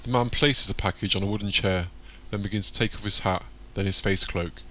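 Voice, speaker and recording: A man narrating an audiobook with a fairly low voice. His reading is plain and steady, and a faint hiss sits under it. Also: fairly quick. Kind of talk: scripted narration.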